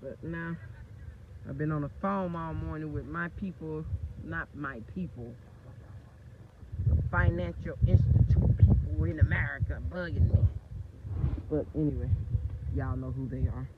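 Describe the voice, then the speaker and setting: A woman's voice: low-pitched, measured pace, long pauses. A woman, getting over a cold, chatting loosely and animatedly as a vlog host outdoors. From Clarksville, Tennessee, US. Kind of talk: casual vlog chat. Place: outdoors, in a moving vehicle and on a breezy deck. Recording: tinny phone audio with loud wind and road noise.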